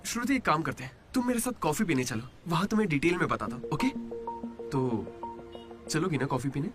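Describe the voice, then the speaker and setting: A man's voice: on the high side, animated, brisk, lightly acted. A young man dubbing a lovestruck male student who talks cheeky and pleading. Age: young adult. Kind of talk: Hindi film dubbing. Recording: film score behind. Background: music.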